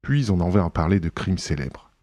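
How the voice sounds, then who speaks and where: A man reading a classic novel aloud as an audiobook narrator, in a measured storytelling manner. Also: low voice, very animated, mellow, dry recording.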